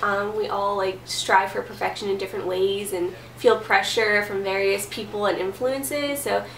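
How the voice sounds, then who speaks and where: Her voice stuffy from a cold, a book vlogger in her twenties chats from her bedroom, leaning heavily on "like" and "um." She has a medium-pitched, steady, a bit bright voice at a moderate pace. Recorded on a camera mic set well away from her, the sound is roomy with faint hiss.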